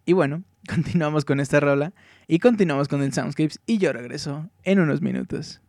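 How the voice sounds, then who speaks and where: A man's voice: fairly high pitch, moderate pace, a little mellow, dry recording, clean studio sound. A man hosting a music show in a casual, jokey way, using slang and laughing often. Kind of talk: casual radio show chat.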